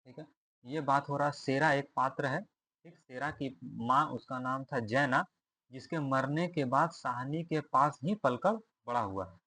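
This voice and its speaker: A man's voice: medium pitch, a little slow, sharp tone, no echo. A man teaching Hindi literature for an exam, reading a story aloud, then asking questions about it and answering them himself. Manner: asks questions and answers them, repeats lines.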